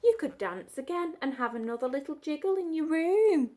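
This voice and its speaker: A woman, leading a gentle storytime lesson for young children, coaxing and asking them questions, sometimes dropping to a soft whisper. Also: high-pitched, lively intonation, moderate pace. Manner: sing-song, coaxing, asks children questions; drops to soft whispers at times.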